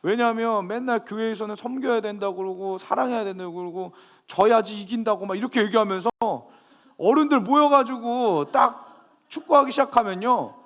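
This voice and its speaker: Pastor guy giving a sermon, pretty high voice, tells stories w/ big loud bursts. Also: brisk. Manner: lively storytelling, bursts of raised emphasis.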